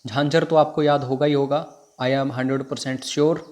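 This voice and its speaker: A man's voice: medium pitch, steady tone, moderate pace, a little mellow. A man teaching an exam prep lesson, repeating which facts to memorize. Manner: repetitive, drilling what to memorize.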